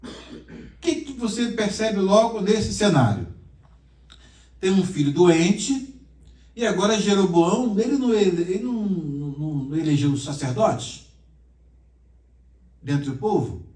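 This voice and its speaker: A man's voice: sits high, expressive, moderate pace, pauses often, warm tone. A male pastor teaching a Bible class, reading Hebrew aloud, quizzing his students and joking with them. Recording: roomy classroom echo, mic far off.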